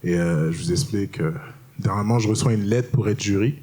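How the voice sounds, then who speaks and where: A man's voice: on the low side, brisk, warm tone. Young man doing slangy stand-up. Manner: casual slangy storytelling, explains to the crowd. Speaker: stand-up comedian. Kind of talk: stand-up routine. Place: comedy stage.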